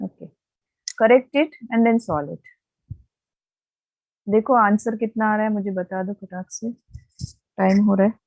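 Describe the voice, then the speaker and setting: A woman teacher, heard over an online call line, explaining a problem step by step with quick asides. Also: medium pitch, a little mellow, no room sound. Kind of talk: online physics lesson. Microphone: computer or phone mic on a video call. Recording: tinny call-line audio.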